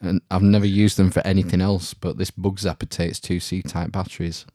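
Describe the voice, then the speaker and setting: A man's voice: low voice, little pitch movement, normal speed, mellow, no room sound, studio quality. A middle-aged man chatting casually as a comedic podcast co-host from inside a small trailer. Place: inside a caravan on holiday. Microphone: online call, close dry sound.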